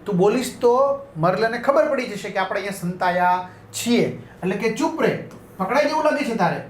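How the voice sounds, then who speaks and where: A man voicing a bossy young girl who urgently hushes her friend, in an echoey room. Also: high voice, animated, moderate pace, slight background noise. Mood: hushing.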